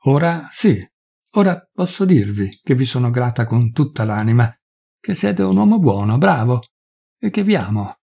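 A man's voice: medium pitch, very animated, normal speed, creaky, warm tone, husky, exaggerated voice. A man voicing a young dying noblewoman who pleads in a breathless, feverish way. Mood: tender.

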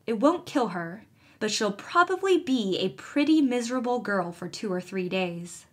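Kindly country doctor, read by a woman, soothing and matter-of-fact, a touch breathy. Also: medium pitch, animated, moderate pace, a bit bright.

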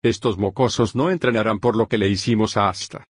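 A man voicing a gruff grown male squad captain in a synthetic fanfic reading, grumbling his thoughts. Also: fairly low pitch, fairly even intonation, a little fast, no room sound, studio quality.

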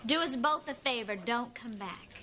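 An actress playing a sharp-tongued woman brushing off her vain ex in a cutting, dismissive way, on a noisy sitcom soundtrack. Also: fairly high pitch, moderate pace. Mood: cold.

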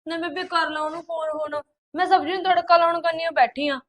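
A woman's voice: very high voice, fairly even intonation, a little fast, fairly bright tone, soft background music. A young woman acting a caring daughter who chats with concern about her brother. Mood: chatty. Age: young adult. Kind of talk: short film dialogue.

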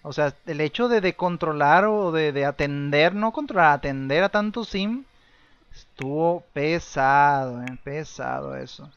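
A man's voice: fairly high pitch, a little slow, clear, resonant tone, highs cut off. Chatty man narrating a game. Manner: chatty, rambling, with sudden excited shouts. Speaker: gameplay streamer. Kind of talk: casual life-sim commentary.

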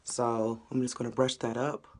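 A rumbling low voice with little pitch movement, normal speed and a slightly mellow quality belongs to a young beauty vlogger. Holding her phone camera close, she chats casually and slangily in an upbeat way, moving from a small room at home to a city street and then a gym.

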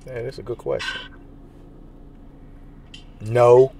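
A man's voice: mid-range voice, flat delivery, takes it slowly, creaky, warm tone. A young man vlogging on a handheld phone camera, with laid-back, slangy banter. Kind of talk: casual vlog chat. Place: out and about in a city, then a casino.

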